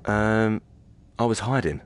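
A man's voice: on the low side, slow pace. A man giving chatty, joking live commentary while streaming a horror game. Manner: chatty, joking, reads game lines aloud. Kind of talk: live let's-play commentary.

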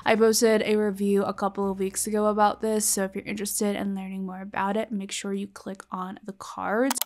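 A woman's voice: medium pitch, little pitch movement, fairly quick, slight background noise. A young woman in her twenties talking as a beauty vlogger, chatty and upbeat, calling viewers babes and friends. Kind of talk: shopping vlog voice-over.

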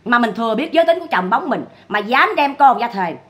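A woman's voice: fairly high pitch, expressive, brisk. A woman giving scornful livestream commentary on online drama, firing repeated rhetorical questions.

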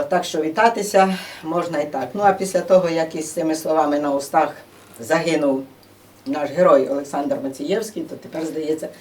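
A woman presenting at a museum gathering gives an informal, chatty talk to an audience in a museum room, explaining things with lots of fillers. Her voice is low-pitched and mellow, picked up by a distant room microphone.

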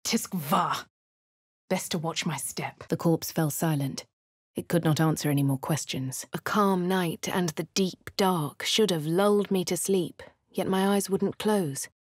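Husky and on the low side, this actress takes an unhurried approach as the posh female adventurer who is the player character. Her posh English accent carries cool, wry game lines and narration, recorded dry and clean through a close studio microphone.

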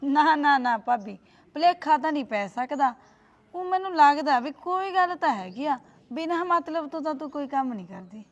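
A woman's voice: high voice, animated, moderate pace, dull audio. A woman playing a sly young sister-in-law who coaxes and needles. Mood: coaxing. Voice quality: coaxing, needling. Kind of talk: short family drama.

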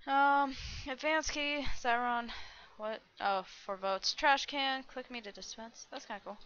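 A young woman with a high-pitched, fairly bright voice hosts a gaming channel, speaking a little slowly as she rambles to herself through a Minecraft server review and squeals when attacked. The dull lo-fi recording carries a little hiss or hum.

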